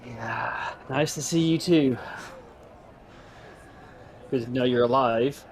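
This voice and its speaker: A man's voice: medium pitch, slow pace, creaky. A man chatting casually as a player in a tabletop role-playing game.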